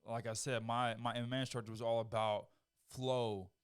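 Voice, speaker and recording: A man's voice: medium pitch, flat delivery, normal speed, clean tone. A man guesting on a podcast in casual chat, laid-back and swearing freely.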